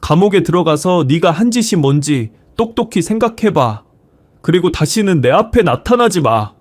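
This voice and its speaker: A man's voice: medium pitch, lively intonation, normal speed, dry recording, lightly acted. An outraged old grandfather, as a male narrator puts him on, scolding in a raised voice. His tone stays dry and close, with nothing around it. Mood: enraged. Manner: shouting, scolding. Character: furious elderly retired teacher grandfather.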